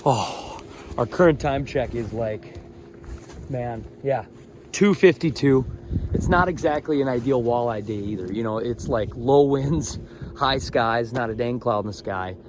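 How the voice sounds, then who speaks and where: A man hosting a casual fishing vlog outdoors on a lake boat, talking in an excited, chatty way. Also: medium pitch, unhurried. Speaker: fishing vlogger. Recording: light outdoor noise.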